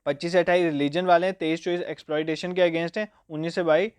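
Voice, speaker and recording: Guy teaching exam prep, bit high voice, asks then answers himself, dry sound. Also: fairly even intonation, clean tone, dry recording. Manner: asks a question then answers it himself, repeating key facts; reads English questions slowly and deliberately. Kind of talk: quiz lecture.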